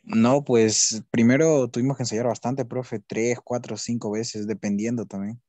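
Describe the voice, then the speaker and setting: A young Peruvian man answering his teacher in short, unsure bits. His voice is dark and mellow. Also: mid-range voice, fairly even intonation, unhurried, dry recording. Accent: Peruvian Spanish. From Peru. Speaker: student.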